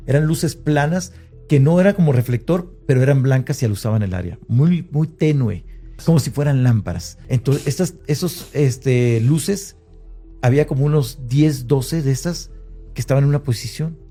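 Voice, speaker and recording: A man with a Mexican Spanish accent talks at an even middle pitch in a dark, mellow tone. He recounts his experience hesitantly, restarting phrases and dropping lower as the story grows tense. Faint music plays quietly behind him. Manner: hesitant, with many restarts and fillers, slowing at tense moments. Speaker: interviewee recounting an encounter. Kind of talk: conversational first-person account.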